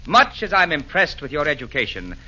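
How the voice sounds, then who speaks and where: An actor playing a calm, genial Santa Claus who chides gently in rhyming verse in a 1940s radio play. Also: male voice, on the high side, brisk, breathy edge, heavily acted. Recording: dull lo-fi 1940s radio recording.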